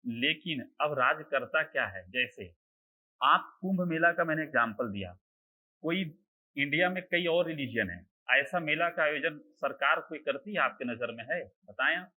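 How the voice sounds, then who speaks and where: Teaching an online exam-prep class, this man poses rhetorical questions and then answers them, constantly making sure students understand. He has a fairly high, bright, forceful voice with lively intonation at normal speed, on a rough recording.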